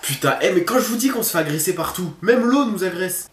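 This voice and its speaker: Man, panicking gamer, shouted repetitions, let's-play commentary, roomy echo. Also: sits high, expressive, brisk. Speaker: gamer hosting a horror game video. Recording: roomy echo, faint background noise.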